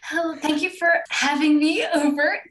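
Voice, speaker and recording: A woman on her first podcast, a bit nervous and excitable as she talks about her painting work. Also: high voice, moderate pace. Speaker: podcast guest, background painter. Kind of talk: casual podcast chat.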